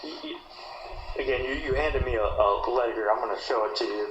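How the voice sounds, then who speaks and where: A man's voice: medium pitch, brisk. A man conducting a recorded interview, asking short, methodical questions. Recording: muffled echoey room with faint noise.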